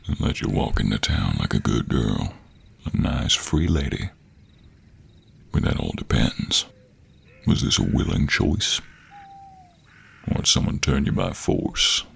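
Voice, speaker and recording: In an intimate audio roleplay, a man voices a gruff cowboy monster hunter who teases but has a gentlemanly streak. His drawl is deep, gravelly, and husky with an American cowboy accent, and the voice is exaggerated. The mood is probing, then softening.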